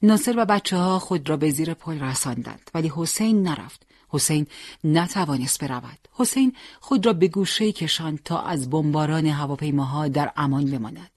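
Solemn, steady storyteller. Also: medium pitch, no room sound, studio quality. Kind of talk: dramatic story narration.

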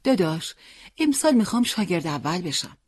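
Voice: medium pitch, big pitch swings, darkish tone, breathy edge, no room sound, clean studio sound, pitched above the performer's own voice. A reader voicing an eager little schoolgirl sister, keen to please her older brother, in an audiobook character reading.

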